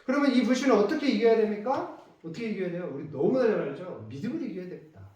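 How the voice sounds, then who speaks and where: A man's voice: sits high, lively intonation, fast, darkish tone, lo-fi sound. A male pastor delivering an emphatic sermon full of rhetorical questions, heard from a distance in an echoey church.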